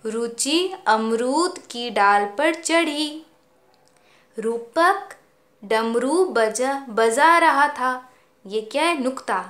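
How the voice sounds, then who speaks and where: A woman schoolteacher patiently teaching young children, stretching out each word slowly for them to repeat. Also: on the high side, a bit bright. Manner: slow, drawn-out word-by-word pronunciation drills; patient, explaining and asking children questions. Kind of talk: Hindi phonics lesson for young children. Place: school classroom. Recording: echoey room.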